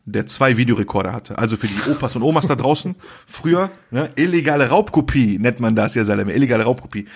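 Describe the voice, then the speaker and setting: A man's voice: mid-range voice, slightly rough. A man co-hosting a podcast, telling a story in casual chat and acting out the people in it. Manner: animated storyteller acting out quotes. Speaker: podcast co-host.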